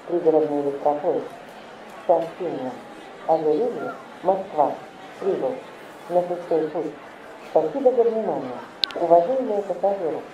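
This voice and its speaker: A man making formal railway station announcements in measured, segmented phrases, in the manner of an airport announcement. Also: on the high side, distant mic. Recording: muffled, echoey station loudspeaker, noisy crowd.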